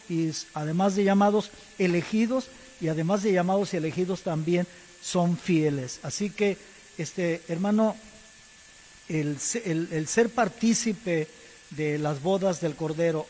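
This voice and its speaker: A man with a high voice preaches in a Mexican Spanish accent, his words hanging in the long echo of a church hall. He moves deliberately and spells terms out letter by letter, while a faint hiss runs under the recording. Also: a little mellow. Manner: addresses the congregation as brothers and church. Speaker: pastor. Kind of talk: sermon. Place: church service.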